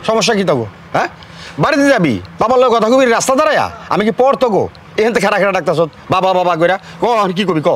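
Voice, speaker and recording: A man's voice: high voice, very fast. A man playing a stern scolding village father. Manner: scolding, preachy, lively. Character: stern older village father lecturing his sons. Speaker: father of three sons. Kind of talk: short film acting.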